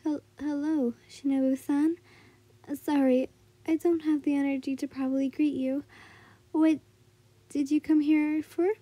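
Timid, weakened young warrior woman for a story read by a female narrator, high, very soft-toned, apologetic. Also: little pitch movement, a little slow, long pauses, dry recording. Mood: weak, apologetic. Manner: meek, apologetic.

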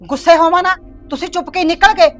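A woman's voice: very high-pitched, fairly even intonation, fast talker, faint music behind. A woman playing a stern, touchy older village mother who scolds her family for leaving her out. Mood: scolding. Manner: scolding, complaining, sharp-tongued. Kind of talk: village web-series acting.

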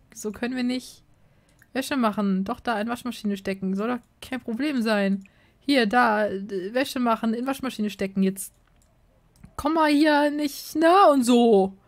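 A woman commenting on a game as she plays, chatty and excitable, breaking into exasperated shouts and swearing. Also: mid-range voice. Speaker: Let's Play host.

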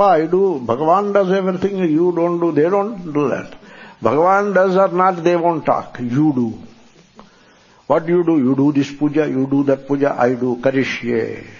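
A man's voice: fairly high pitch, a little mellow, breathy edge, muffled recording. A man teaching scripture to a class in an enthusiastic, repetitive way, chuckling now and then. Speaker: Vedanta teacher.

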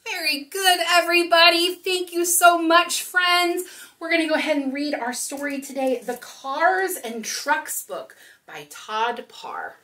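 This storytime host, a woman in her thirties, talks to young children and reads a picture book aloud expressively in a small indoor room. She sounds very high-pitched, bright and forceful, yet unhurried, and she's far from the mic.

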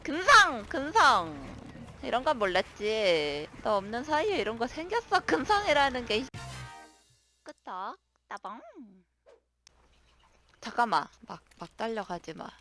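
A woman streamer commenting on her own gameplay, excitable, shouting commands and cursing at monsters. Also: a little high, a little slow, pauses often, faint music behind. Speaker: gaming streamer.

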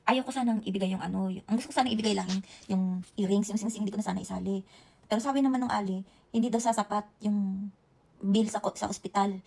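A Visayan woman whose first language is Bisaya tells a personal story to her viewers in a halting way, full of restarts and self-corrections. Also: mid-range voice, vocal fry, mellow. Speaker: vlogger. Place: Japan.

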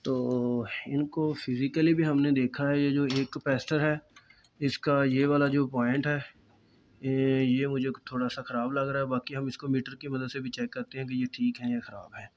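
A man, calmly explaining a step-by-step electronics repair at a workbench, recorded on a phone filming his hands. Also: mid-range voice, moderate pace, muffled recording. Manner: calm, explanatory, pointing things out. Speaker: repair technician.

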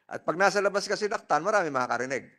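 A man's voice: high-pitched, expressive, racing, pushed and bright. A man chairing a hearing, probing a witness and repeating and rephrasing his questions. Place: legislative hearing room.

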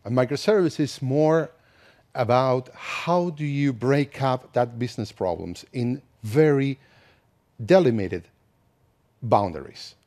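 Speaking slowly in a mid-range voice, an Argentine conference speaker in his thirties keeps things relaxed and chatty, often backing up to restart a thought. His Argentine Spanish accent comes through in the indoor conference hall.

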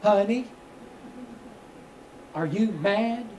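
Speaking very slowly in a high-pitched voice, a middle-aged man from Kentucky performs stand-up comedy, telling stories and engaging the crowd in a delivery projected to the room. He uses a handheld microphone on a small indoor comedy club stage, and the audio is echoey and clearly noisy.

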